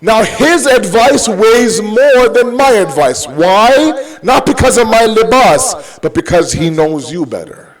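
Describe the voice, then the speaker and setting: High-pitched man preaching in a conversational way. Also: expressive, slow, hardly any pauses, a crowd in the background, low-quality recording. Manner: conversational, emphatic, rhetorical questions; mixes English with Urdu and Arabic phrases. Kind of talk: sermon with everyday examples and acted-out dialogue.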